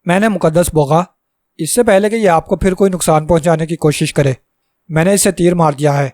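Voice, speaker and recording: A humble, dutiful dwarf commander, voiced by a male storyteller, speaking politely and deferentially. His voice is fairly high, and the sound is close and dry. It comes from a read-aloud storybook. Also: a little mellow, dry recording, close to an everyday voice. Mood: apologetic.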